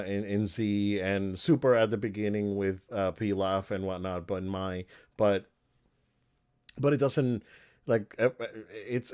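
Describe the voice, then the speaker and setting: Low-voiced man rambling excitedly. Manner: rambling, enthusiastic, many restarts. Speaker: podcast co-host. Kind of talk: casual chat about movies.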